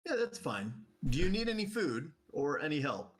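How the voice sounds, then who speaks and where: Slightly high-voiced male tabletop gamer. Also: big pitch swings, moderate pace. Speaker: tabletop game player. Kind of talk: casual in-game negotiation.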